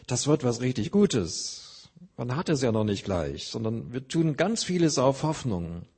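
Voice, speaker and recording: A man's voice: mid-range voice, a little mellow, slightly rough. A man preaching a sermon, earnestly explaining scripture with everyday examples.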